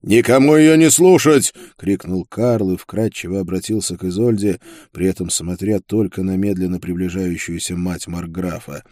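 Deep-voiced male audiobook narrator. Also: fairly even intonation, moderate pace, hardly any pauses, warm tone, no room sound, clean studio sound. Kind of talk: scripted first-person narration.

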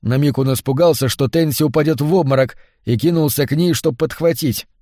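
A man narrating a novel as an audiobook, in a measured, even reading. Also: on the high side, no room sound, studio quality. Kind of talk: scripted literary narration.

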